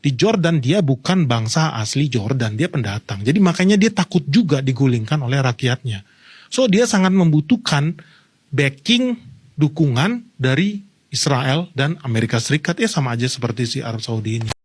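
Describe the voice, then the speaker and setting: A man's voice: mid-range voice, expressive, normal speed, slightly rough, no room sound. Man explaining politics casually, dry sound. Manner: conversational, explaining to viewers. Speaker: political commentator. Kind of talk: casual commentary.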